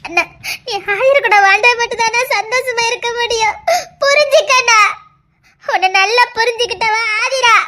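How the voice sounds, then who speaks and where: A woman with a Tirunelveli accent playing a gentle younger sister who earnestly implores her brother. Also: very high-pitched, normal speed. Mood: anxious, imploring. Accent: Tirunelveli Tamil. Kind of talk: comedy skit drama.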